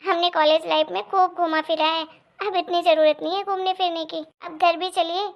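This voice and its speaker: A woman voicing a cheerful, apologetic young newlywed wife in a cartoon story, with a high, girlish voice. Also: fairly even intonation, moderate pace, lo-fi sound. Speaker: daughter-in-law.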